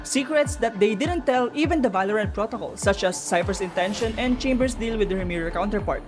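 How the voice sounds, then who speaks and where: Speaking a little fast at medium pitch, a woman narrates game lore in a chatty, speculative explainer, talking right to her viewers. Music plays in the background.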